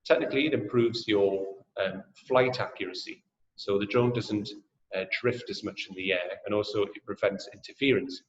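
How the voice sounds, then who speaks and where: A Geordie man from Newcastle, England, hosts a webinar as a drone sales trainer, presenting and answering questions. His friendly sales pitch is full of ums and uhs at a moderate pace. The audio is echoey and dull.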